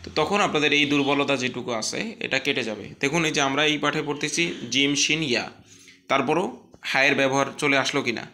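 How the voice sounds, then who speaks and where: A man teaching an online Quran recitation lesson, patiently explaining pronunciation and repeating each syllable for students to echo. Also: moderate pace. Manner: chants drill syllables louder and higher than his explanations.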